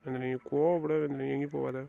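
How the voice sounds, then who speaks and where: A man's voice: a little high, fairly even intonation, fast, creaky, a little hiss or hum. An actor playing a remorseful young husband who begs his wife not to leave, in a melodramatic drama with slightly dull sound. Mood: pleading. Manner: begging, soothing, insistent. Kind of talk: melodramatic family drama acting.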